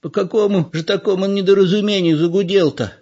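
A man's voice: high-pitched, fairly even intonation, a little fast, dark tone, highs cut off, voice pushed up. A man reading aloud voicing a flustered old village woman who frets and wails. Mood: fretting. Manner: fretful, wailing.

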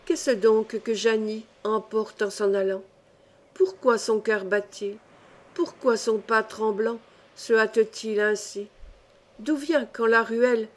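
A woman reading a poem aloud in a measured, solemn recitation. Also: mid-range voice. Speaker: reader. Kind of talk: poetry reading.

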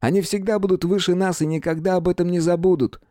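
Man voicing a teasing young friend, higher pitched, wry, mellow dry voice. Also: fairly even intonation, fast, dry recording, lightly acted. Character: cheeky joking young man, the narrator's friend.

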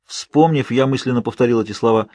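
A man narrating an audiobook in the first person, with steady, measured storytelling. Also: mid-range voice, dry recording, studio quality.

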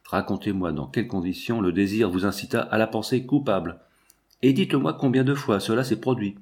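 A man's voice: lowish voice, brisk, darkish tone, lightly acted. A man reading aloud who voices a pushy priest pressing a dying man with probing questions. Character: pushy, prying male priest, middle-aged.

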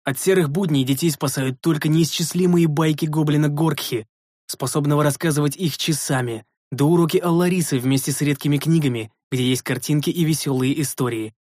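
A man's voice: on the high side, a little fast, darkish tone, no room sound. Man narrating a story, dry sound. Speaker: audiobook narrator. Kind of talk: first-person fiction narration.

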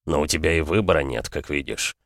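A man voicing a calm older aristocrat father in an audiobook, measured and coldly matter-of-fact. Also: a bass voice, dry recording, studio quality. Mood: insistent. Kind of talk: audiobook character voice.

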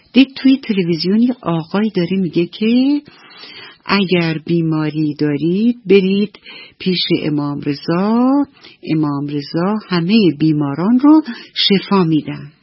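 A woman storyteller narrating a children's bedtime story on the radio in an expressive, storytelling manner. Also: lowish voice, slightly rough, no echo. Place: radio studio. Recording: dull dry old radio recording.

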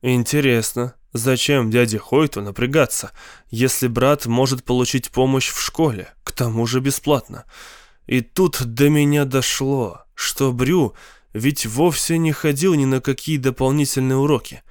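A man narrating a novel in a measured, unhurried way on a close studio mic. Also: mid-range voice, fairly even intonation, smooth, dry recording. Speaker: audiobook narrator. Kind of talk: scripted narration.

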